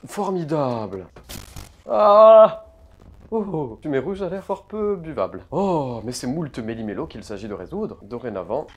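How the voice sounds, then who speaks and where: A man's voice: mid-range voice, big pitch swings, moderate pace, hardly any pauses, warm tone, husky. A man playing a horror game in let's play commentary, talking in a pompous mock-aristocratic manner with old-fashioned wording and jokey asides to viewers. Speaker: gaming YouTuber.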